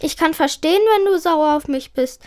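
A reader voicing an emotional, upset schoolgirl from a children's book, loud and shrill. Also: moderate pace, close to an everyday voice.

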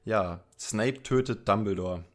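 Man, podcast host, lowish voice, casual chat, rambling explanations. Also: slow. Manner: chatty, explains at length with fillers.

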